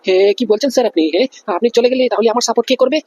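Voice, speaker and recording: A man's voice: extremely high pitch, rapid-fire, darkish tone, breathy edge. A man voicing an angry male briber who badgers a police officer, indignant and demanding in a cartoon comedy. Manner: indignant, badgering, repeats "hyan?".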